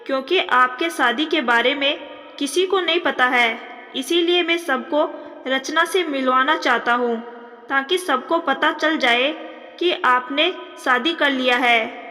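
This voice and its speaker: A woman's voice: sits high, a little slow, pushed and bright. A woman voicing an elderly grandfather who heads the family and speaks decisively. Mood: firm. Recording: long reverb.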